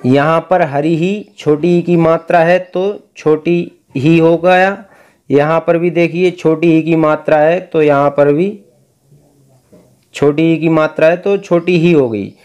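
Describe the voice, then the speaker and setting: A man teaching Vedic recitation, explaining pronunciation and chanting verses in slow, drawn-out tones. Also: a little high, fairly even intonation, darkish tone, clean tone. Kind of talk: recitation lesson.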